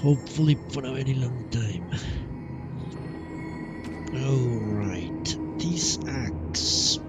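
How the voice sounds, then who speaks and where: A game streamer with a mid-range, lively voice talks slowly into a distant mic, muttering to himself as he thinks aloud during casual live commentary. Loud video game music plays behind him.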